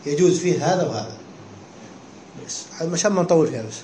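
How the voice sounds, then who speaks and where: A man's voice: on the high side, expressive, quick pace, warm tone. A man teaching a class, explaining a text step by step and often stopping to ask his listeners whether they follow. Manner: keeps checking understanding with short questions. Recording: echoey room with faint background hum.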